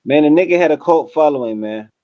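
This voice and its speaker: Mellow-voiced man on a muffled mic. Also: fairly high pitch, lively intonation, fast. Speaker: podcast co-host. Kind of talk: casual chat. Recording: dull, lo-fi sound.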